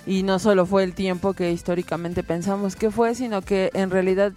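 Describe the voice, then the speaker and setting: Female radio host, middle pitch, rambling explainer with fillers. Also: flat delivery, normal speed, dark tone, faint music behind. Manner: explains at length with many fillers. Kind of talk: poetry reading and radio chat.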